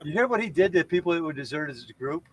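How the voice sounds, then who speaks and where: A man's voice: a little high, lively intonation, fast talker, heavy background noise. A man co-hosting a casual comedy news chat, joking and teasing. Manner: jokey, plays clips and mimics voices. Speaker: comedian co-host.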